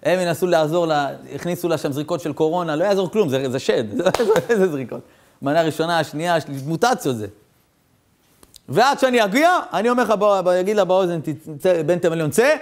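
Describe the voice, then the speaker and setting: A male rabbi telling a story in a sermon, animated and acting out the voices of the characters. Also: fairly high pitch.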